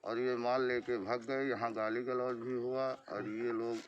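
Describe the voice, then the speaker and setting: A man's voice: mid-range voice, flat delivery, measured pace, muffled recording, slight background noise. A man recounting events to a reporter outdoors in short, heated, accusing bursts. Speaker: villager eyewitness. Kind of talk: on-the-spot news interview. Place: outdoors at a village site.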